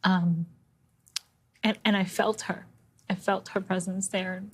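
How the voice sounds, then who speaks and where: A woman's voice: medium pitch, steady tone, slow, husky. A woman interviewed on the news, speaking reflectively about her late sister-in-law.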